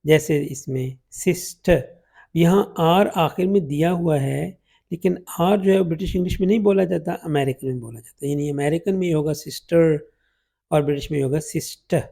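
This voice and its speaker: A man teaching English phonetic transcription in Urdu-Hindi, slowly sounding out English vowel examples one by one. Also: fairly high pitch, creaky, warm tone. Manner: slow, drawn-out demonstration of vowel sounds.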